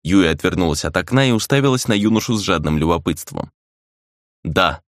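Brief: male audiobook narrator, deep tone, dry close sound. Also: animated, fast talker, no echo.

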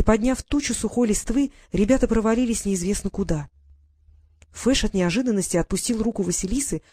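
A woman narrating a children's fantasy audiobook in an even, measured storytelling manner. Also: medium pitch, breathy edge, dry recording. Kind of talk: scripted narration.

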